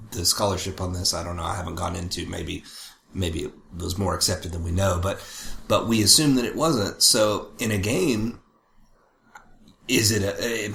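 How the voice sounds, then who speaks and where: Man, low voice, rambling podcast talk, roomy sound with faint hiss. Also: vocal fry, a bit bright. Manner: thoughtful, rambling and self-correcting. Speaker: podcast co-host. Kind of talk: casual chat. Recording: roomy with faint background noise.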